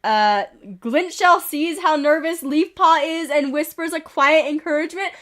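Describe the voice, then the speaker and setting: A woman with a slightly high voice streams a game while a little under the weather. She reads in-game events aloud in a casual, chatty way, breaking off for quick amused asides. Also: a bit bright. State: a little sick, with occasional coughs.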